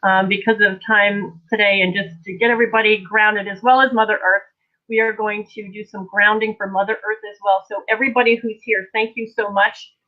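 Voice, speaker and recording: A woman's voice: medium pitch, steady tone, brisk. A middle-aged woman hosting a casual live-streamed energy healing session in a rambling, scattered, informal way, heard through tinny phone-like audio. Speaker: host, energy healer.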